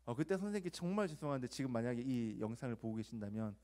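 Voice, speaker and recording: A young man preaching a sermon to teenagers, telling a personal story in a conversational, confessional way, asking rhetorical questions and acting out quoted voices with sudden loud bursts. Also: medium pitch, fast. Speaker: youth pastor.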